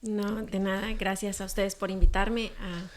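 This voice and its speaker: Soft-spoken young Mexican woman guest. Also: medium pitch, flat delivery, normal speed, a little hiss or hum. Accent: Mexican Spanish. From Durango, Mexico. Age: young adult. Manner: soft-spoken, mixes in English words. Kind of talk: casual interview, personal testimony.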